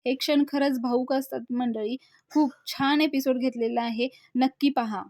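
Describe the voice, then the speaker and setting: A woman's voice: sits high, steady tone, normal speed, darkish tone, dry recording, clean studio sound. A woman hosting a channel that reviews a TV serial. She retells each scene in a casual way, reads out the characters' lines, and makes small slips and uses fillers. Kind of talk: casual episode recap.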